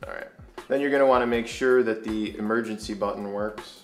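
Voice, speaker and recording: Low-voiced male instructor in an echoey room. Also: steady tone, fairly quick. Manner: plain, procedural, imperative. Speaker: firefighter training instructor. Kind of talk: instructional demonstration, step-by-step. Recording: echoey room, music underneath.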